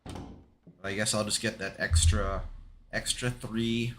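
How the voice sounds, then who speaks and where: A man's voice: lowish voice, steady tone, a little slow, fairly bright tone, slight background noise. A man casually commentating a gaming livestream in a slangy, laid-back way. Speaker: streamer playing a horror game.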